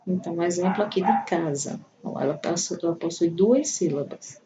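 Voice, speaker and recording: A woman teacher with a lowish voice speaks at a moderate pace, giving a patient primary school lesson and going through examples one at a time. Her voice is a bit far from the mic, and faint room noise can be heard.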